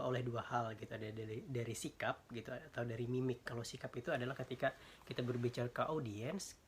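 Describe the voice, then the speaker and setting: A man's voice: mid-range voice, slight background noise. Young man giving a hesitant class talk. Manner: casual, hesitant, many fillers and restarts. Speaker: student presenter. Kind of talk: informal class presentation.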